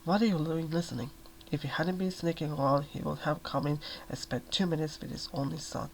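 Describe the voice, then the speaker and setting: A desperate, exhausted young mother, as a male reader puts her on, raw and pleading. The voice has a gravelly edge, with faint noise in the background. It is a soft-spoken ASMR reading. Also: on the high side, fairly even intonation, brisk. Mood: angry.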